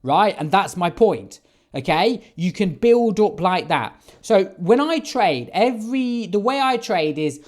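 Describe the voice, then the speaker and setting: A man's voice: sits high, expressive, unhurried. A man trading forex, giving an emphatic, casual vlog monologue and often checking in with "right?". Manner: emphatic, keeps asking "right?". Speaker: forex trader.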